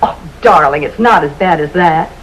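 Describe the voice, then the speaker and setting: An actress playing a brisk, committee-minded middle-aged wife in a 1950s sitcom, crisp and indignant. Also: female voice, low-pitched, poor audio. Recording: old TV soundtrack with faint hiss.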